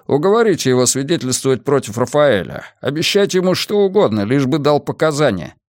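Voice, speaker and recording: A composed police commissioner explains things patiently and steadily, his voice only lightly raised above the narration and moving with lively intonation, as a male narrator puts him on. The sound is dry and close to the mic. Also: medium pitch, fairly quick, no room sound, pitched above the performer's own voice, close to an everyday voice. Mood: calm. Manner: calm and explaining. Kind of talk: audiobook character voice.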